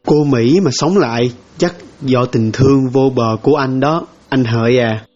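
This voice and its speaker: A man's voice: mid-range voice, a little slow, a little mellow, muffled recording, lightly acted. A man playing a curious, polite younger man. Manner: polite, inquisitive.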